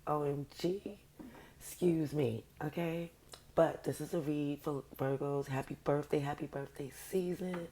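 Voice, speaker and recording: A woman's voice: deep voice, steady tone, measured pace, a little hiss or hum, low-quality recording. A woman doing a casual tarot reading, chatting to viewers in her early-morning voice and saying a short prayer. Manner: chatty, prayerful, addresses viewers warmly by sign. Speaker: tarot reader.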